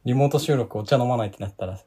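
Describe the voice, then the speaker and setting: A man with a slightly husky voice, bantering casually and tossing playful retorts as a podcast co-host. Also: medium pitch, racing, dark tone. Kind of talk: casual chat.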